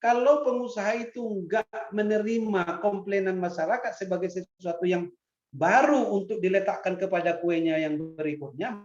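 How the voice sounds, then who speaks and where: A man giving a casual classroom lecture, chatty, often laughing and asking rhetorical questions. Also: sits high. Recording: echoey, dull lo-fi room recording.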